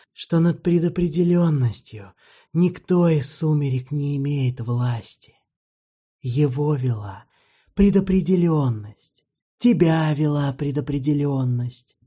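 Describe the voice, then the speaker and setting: A man voicing an ancient, weary male vampire who speaks slowly, softly and half-whispered, in ornate, mournfully polite phrases. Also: a little high, slightly rough, voice pushed up. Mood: sorrowful, gentle. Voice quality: soft, half-whispered, drawn-out.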